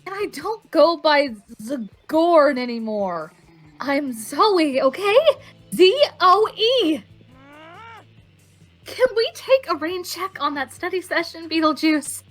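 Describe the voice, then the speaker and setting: A woman's voice: high voice, very animated, slow pace, fairly bright tone, soft background music, full character voice. A woman voicing an indignant teenage goth girl who talks in an exasperated, insistent way.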